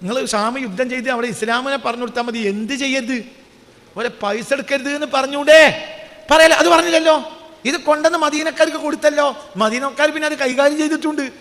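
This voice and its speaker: A man preaching a religious sermon, firing rhetorical questions at his listeners and swinging from soft talk to shouting. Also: very high voice, a little fast, big-room sound.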